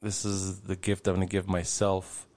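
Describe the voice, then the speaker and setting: A man's voice: low-pitched, monotone, moderate pace, darkish tone, dry recording. A man in his late forties hosting his own podcast, talking alone in a rambling, casual way and swearing freely. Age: 40s. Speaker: podcast host. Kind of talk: casual solo podcast monologue.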